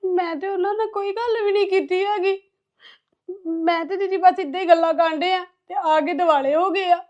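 An actress playing a young newlywed bride who pleads through tears. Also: female voice, extremely high pitch, steady tone, moderate pace, darkish tone. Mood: pleading. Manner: pleading, tearful. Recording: dull lo-fi sound with music behind.

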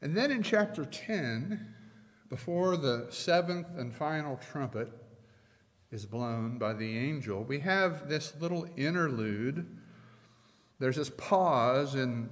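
Slow-preaching man in a reverberant church. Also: medium pitch. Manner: measured, emphatic preaching with slow stressed phrases. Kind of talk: sermon. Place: church sanctuary at a pulpit. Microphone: pulpit microphones.

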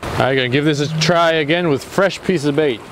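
A young man with a fairly high voice narrates his fishing trip on a rocky sea jetty in a casual solo vlog, speaking fairly quickly. He calmly explains his gear but lets out loud, excited exclamations whenever a fish bites. His action camera, sometimes near and sometimes far, catches clear wind and water sounds.

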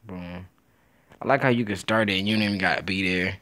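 A young man giving casual, excitable gameplay commentary, trash-talking and laughing as he plays. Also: low-pitched, brisk. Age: young adult. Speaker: gaming YouTuber.

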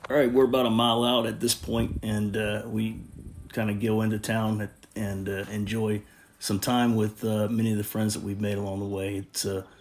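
A man hosting a travel vlog, talking outdoors into a handheld camera in a relaxed, halting way with many fillers. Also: fairly low pitch, a little hiss or hum. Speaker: vlog host. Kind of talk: casual travel vlog narration.

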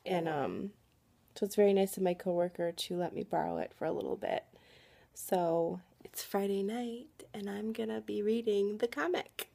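A woman's voice: mid-range voice, moderate pace, creaky. A young woman chatting casually to a phone at arm's length in her living room, talking about her evening. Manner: chatty, relaxed, speaks softly to camera. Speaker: family vlogger. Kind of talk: casual home vlog. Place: living room at home, indoors.

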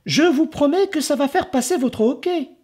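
A man reading a children's story, voicing a clever, sly little boy with a high, innocent, eager voice. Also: expressive, normal speed, warm tone. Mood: sly cheerful.

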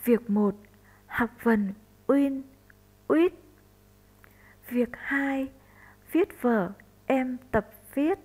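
A woman primary school teacher from northern Vietnam giving a slow recorded lesson for first graders, spelling out sounds deliberately. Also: high voice, a little mellow, rough recording.

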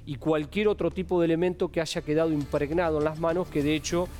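A male TV crime host with a Rioplatense Argentine accent, speaking in a somewhat raised pitch. He delivers emphatic, indignant commentary from a studio. Faint music plays in the background. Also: fairly even intonation, fast, a little mellow. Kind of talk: TV crime news presenting and commentary.

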